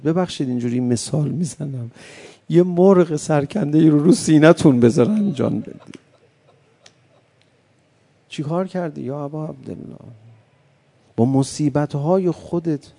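A man preaching an impassioned mourning sermon, moving from soft pleading to loud cries. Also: a little high.

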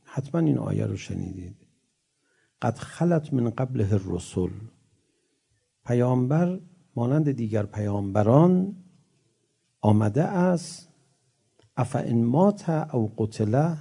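Male preacher, gravelly and husky, sweeping pitch, slow chanted verses between lively telling. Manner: chants scripture verses slowly, then explains them in lively talk; animated storytelling with rising emphatic peaks. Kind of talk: religious sermon.

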